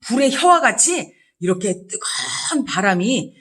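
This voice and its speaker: A woman evangelist telling a Bible story to children in a lively way and often asking them questions. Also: mid-range voice, a little slow.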